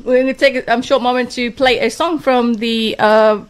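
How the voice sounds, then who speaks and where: A woman co-hosting a radio show in a small studio, chatty and quick to laugh, with many fillers. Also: a little high, steady tone, clean tone. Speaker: radio co-host. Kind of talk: casual radio chat.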